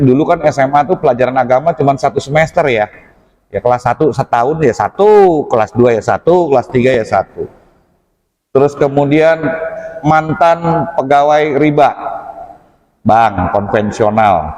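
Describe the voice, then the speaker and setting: A man, giving a casual mosque talk full of anecdotes and acted-out dialogue. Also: big-room sound. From Indonesia. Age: 40s. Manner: lively storytelling, acts out quoted dialogue with jumps in pitch. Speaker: preacher. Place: mosque hall.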